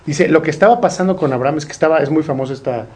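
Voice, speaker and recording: A man's voice: on the high side, very fast, a crowd in the background. A man teaching a Torah study group, asking questions and translating Hebrew quotes. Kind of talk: informal study-group lesson.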